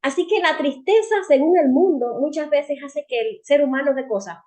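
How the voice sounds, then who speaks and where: Woman speaker, warm, slightly high voice, earnest devotional teaching that speaks straight to her listeners. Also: animated, moderate pace. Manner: earnest, asks the audience rhetorical questions; addresses listeners directly as friends and sisters. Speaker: women's seminar speaker.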